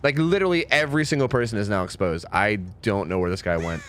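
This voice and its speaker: A young man streaming live gameplay commentary, animated and swearing freely, jumping into high-pitched panic. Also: fast talker.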